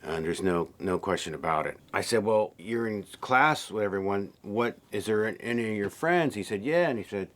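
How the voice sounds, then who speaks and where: A man director talks about his cast in a relaxed, enthusiastic behind-the-scenes chat. His voice sits a bit low, and he often pauses to fill with ums. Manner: relaxed, enthusiastic, many fillers. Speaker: film director. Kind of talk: casual behind-the-scenes interview.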